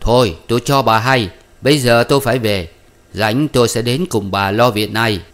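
A man voicing a flustered male doctor who calls out loudly and hurriedly in a story reading. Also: mid-range voice, natural voice. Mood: urgent. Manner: loud and hurried. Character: flustered male doctor bringing bad news.

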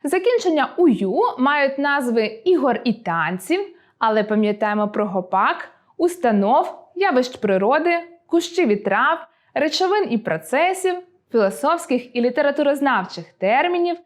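Lively high-voiced woman teacher. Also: unhurried. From Ukraine. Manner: lively, clear teaching delivery. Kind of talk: scripted online lesson.

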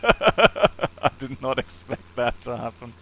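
Gravelly, slow male streamer. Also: mid-range voice, lively intonation, sharp tone. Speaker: flight-sim streamer. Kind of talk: casual live-stream chat.

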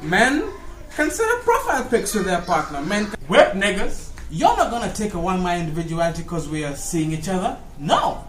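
Male comic skit performer, lively swings in pitch, sweary and argumentative, arguing with himself as two sides. Echoey room. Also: fairly quick, slight background noise.

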